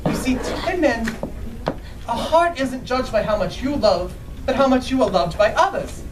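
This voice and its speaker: Woman playing a high, animated Scarecrow storyteller. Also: moderate pace, noisy background, lightly acted. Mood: kindly, earnest. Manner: animated, asks the listeners questions. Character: friendly, excitable Scarecrow storyteller from Oz. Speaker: costumed storyteller. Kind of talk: live interactive storytelling for children. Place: bookstore live event. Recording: distant mic, music behind.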